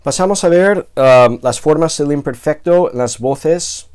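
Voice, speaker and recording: A man giving a recorded lecture, explaining slowly with many fillers, restarts and check-ins with his listeners. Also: on the high side, darkish tone, clean tone. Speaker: Greek teacher.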